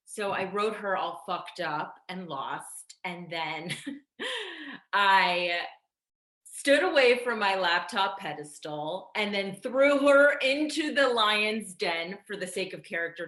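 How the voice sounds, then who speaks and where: A woman performing a candid, confessional monologue over a video call, swinging between loud and soft. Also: on the low side, reverberant, poor audio. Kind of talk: theatrical monologue.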